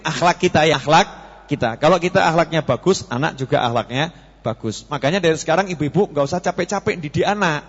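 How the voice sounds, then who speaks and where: A man preaching a sermon in a chatty style, teasing his audience with questions. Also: on the high side. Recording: long reverb, dull lo-fi sound.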